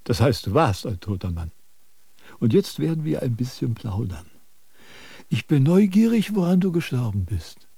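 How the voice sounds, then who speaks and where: An actor playing a self-important sage who lectures and scolds in a radio drama. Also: male voice, mid-range voice, very animated, normal speed, creaky, warm tone, slightly rough, no room sound, full character voice. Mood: lecturing. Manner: pompous, preachy, scolding.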